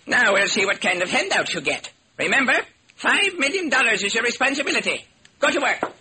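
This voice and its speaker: An actor playing an eccentric old millionaire in a 1940s radio drama, bossy and gleefully wicked. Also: male voice, very high-pitched, big pitch swings, brisk, pushed and bright, husky, pitched above the performer's own voice, full character voice. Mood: commanding. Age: older.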